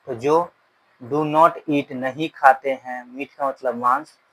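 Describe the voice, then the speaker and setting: A man teaching an English lesson in Hindi. He reads English words slowly, translates them, and repeats the grammar rules. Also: mid-range voice, steady tone, a bit bright, low-quality recording. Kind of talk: slow bilingual grammar lesson.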